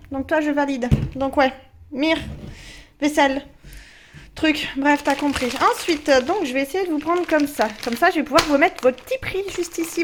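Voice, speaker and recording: High-voiced chatty woman vlogger. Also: slight background noise. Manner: chatty, joking, laughs often, self-mocking. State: hot and sweaty. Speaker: vlogger showing a grocery haul. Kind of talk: casual chat to camera. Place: at home, indoors.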